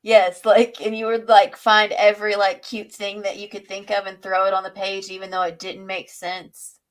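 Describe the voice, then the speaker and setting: A woman hosts a casual livestream in an easygoing, middle-pitched voice. She is animated and giggly and drops "like" into nearly every sentence. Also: moderate pace. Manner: giggly, animated, says "like" often. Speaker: host.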